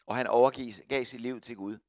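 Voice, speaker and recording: Middle-aged missionary guy telling his testimony, dry close sound, lively storyteller, mid pitch voice. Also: no echo. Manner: lively storyteller who acts out quoted voices.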